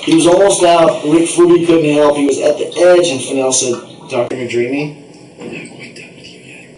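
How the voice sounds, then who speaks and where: His voice is a little high and slightly mellow, with fairly even intonation and a moderate pace, as he improvises a comic story like a puppet show narrator, theatrical, playful and rambling. He's in a bathtub, heard in an echoey bathroom via a distant noisy mic amid water sounds.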